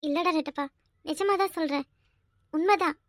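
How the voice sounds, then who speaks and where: A man voicing a timid young woman in a cartoon, speaking softly and hesitantly. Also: very high voice, normal speed, no room sound, clean studio sound, voice pushed up. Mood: earnest. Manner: hesitant, soft. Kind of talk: cartoon dub voice acting.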